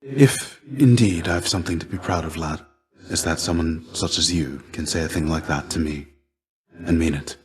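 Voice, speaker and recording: Achilles, deep-voiced weary warrior mentor. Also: male voice. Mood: warm, humble. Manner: measured, courteous, formal old-fashioned phrasing. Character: gentle, weary shade of an ancient warrior, mentor. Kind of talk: video game character acting.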